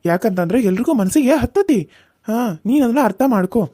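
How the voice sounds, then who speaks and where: A young village husband in a cartoon reasons with his mother and wife in a coaxing, mildly exasperated way, voiced by a woman. The voice is mellow and quick, recorded close and dry. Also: on the high side, expressive, no echo. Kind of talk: cartoon serial voice acting.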